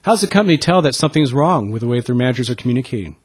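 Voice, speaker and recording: Brisk husky-voiced male interviewer. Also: mid-range voice, animated, no echo. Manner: brisk, direct questioning. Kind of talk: interview questions.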